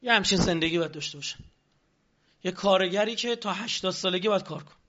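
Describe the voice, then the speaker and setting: A high-voiced man lectures with lively energy and throws rhetorical questions at his listeners. The recording has a dull, lo-fi sound. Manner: animated, rhetorical questions to the audience. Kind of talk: lecture on politics.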